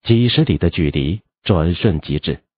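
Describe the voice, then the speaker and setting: A man narrating a fantasy novel as an audiobook, in an animated storytelling manner. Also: sits low, moderate pace, no echo, muffled recording.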